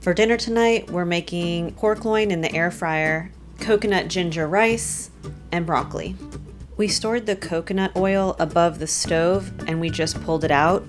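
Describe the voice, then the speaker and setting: Woman vlogger, low voice, chatty and playful, background music. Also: normal speed. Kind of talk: casual vlog narration and chat. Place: RV campground, indoors and outdoors.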